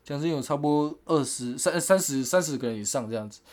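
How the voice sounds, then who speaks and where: A man's voice: fairly high pitch, animated, fast talker, darkish tone. Laid-back man telling anecdotes. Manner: rambling anecdotes full of 'this way' fillers, laughs often. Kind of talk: casual chat, storytelling.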